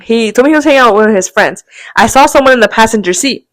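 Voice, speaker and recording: A woman's voice: a little high, rapid-fire, dry recording. A young adult woman co-hosting a podcast, telling a rambling story and acting out quotes in casual chat. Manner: animated, rambling, acts out quotes, laughs often. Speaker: podcast co-host.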